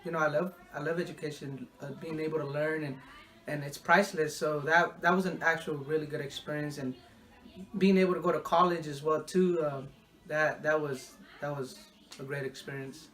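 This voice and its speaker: A young man from Mexico answers interview questions in a relaxed, unscripted way. His voice sits a little higher than most men's, and he often stalls and repeats words before he finishes a thought. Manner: halting, repeats words while thinking.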